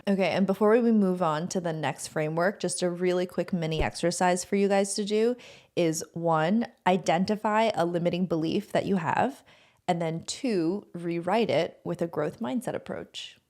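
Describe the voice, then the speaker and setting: Woman, Long Island accent, low-ish voice, chatty, giggly, podcast co-host. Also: normal speed, darkish tone. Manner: chatty, giggly storytelling with many likes. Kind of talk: casual chat.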